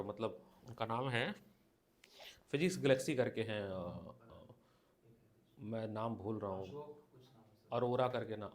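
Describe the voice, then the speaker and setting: Male teacher dictating a lecture. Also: lowish voice. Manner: dictates slowly, repeats phrases, coaches students directly. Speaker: physics teacher. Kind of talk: classroom lecture. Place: classroom.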